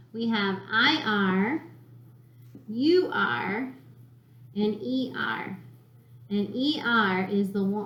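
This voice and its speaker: A woman teacher giving a recorded phonics lesson to young children, sounding out letters slowly and encouragingly. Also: mid-range voice, dull audio. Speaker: elementary school teacher. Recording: echoey room.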